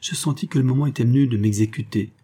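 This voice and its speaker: A man reading a classic comic story aloud as narrator, lifting his pitch for the quoted characters. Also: fast, mellow, slightly rough.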